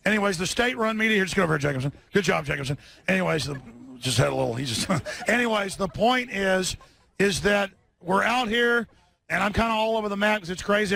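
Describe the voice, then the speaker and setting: A high, gravelly, bright-toned man hosting a live broadcast outdoors at a street rally. He rambles from point to point, restarting sentences constantly. He mixes biting sarcasm with giddy asides, sounding short on sleep. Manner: sarcastic, scattered, lots of restarts. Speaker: live-stream host.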